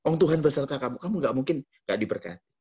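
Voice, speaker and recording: A man with a Javanese accent preaching a lively sermon as pastor, jumping into mock voices and quoted asides. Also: medium pitch, racing, slightly rough, highs cut off.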